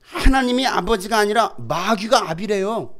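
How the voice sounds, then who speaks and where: A middle-aged man preaching with fiery, dramatic force and a high, bright voice. His pitch swings widely, and he shouts often to drive home his point. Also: expressive, moderate pace. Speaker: pastor. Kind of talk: sermon.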